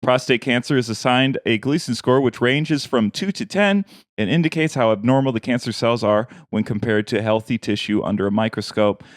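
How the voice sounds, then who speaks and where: A man's voice: mid-range voice, moderate pace, no echo, clean studio sound. A man co-hosting a podcast, chatting casually and reading news aloud in a loose, offhand way. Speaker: podcast co-host.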